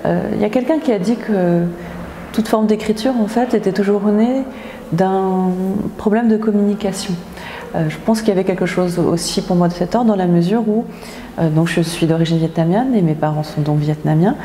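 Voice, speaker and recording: A woman from France, an author, speaking thoughtfully in an interview, pausing often with filler sounds. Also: medium pitch, mellow, a little hiss or hum. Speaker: author in residence. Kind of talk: reflective interview talk. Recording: echoey hall with faint ambience.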